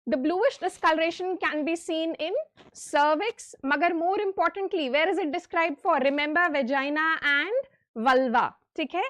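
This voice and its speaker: High-pitched North Indian woman lecturer. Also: moderate pace, fairly bright tone, no echo, clean studio sound. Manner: emphatic, checks in with "okay?" and repeated questions. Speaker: medical lecturer leading exam revision session. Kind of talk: interactive lecture, quizzing students with questions.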